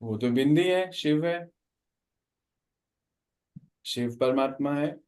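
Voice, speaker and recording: Higher-voiced man giving a spiritual class. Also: slow pace, darkish tone. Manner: explaining with questions to listeners. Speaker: spiritual teacher.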